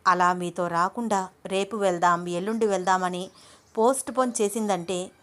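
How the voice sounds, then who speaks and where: A woman doing a calm advising young woman. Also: medium pitch, normal speed, lightly acted.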